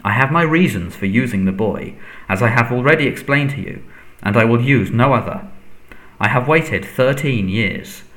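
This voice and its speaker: Man acting a cold, hissing dark lord. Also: mid-range voice, lively intonation, moderate pace, lightly acted, rough recording. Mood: menacing, resolute. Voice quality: soft, breathy, hissing. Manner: commanding, contemptuous. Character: cold, menacing, frail male dark lord.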